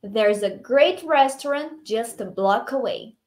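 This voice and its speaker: A woman's voice: fairly high pitch, lively intonation, darkish tone. A woman reading as a friendly local man. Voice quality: teacher's own voice, changes intonation only. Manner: slow, carefully articulated model reading. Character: friendly male local inviting a tourist to lunch.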